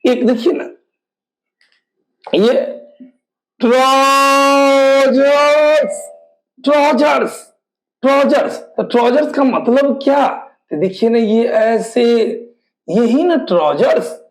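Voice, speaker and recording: Male teacher, very high voice, slow delivery, repetitive drilling, rhetorical questions. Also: darkish tone, low-quality recording. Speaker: English teacher. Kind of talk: exam-prep classroom lesson.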